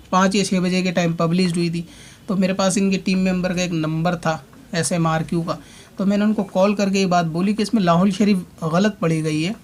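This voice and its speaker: A man speaking a long rebuttal monologue as a religious online commentator, addressing his opponent directly and repeating his points as he argues. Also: high voice. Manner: explains at length with repeated points.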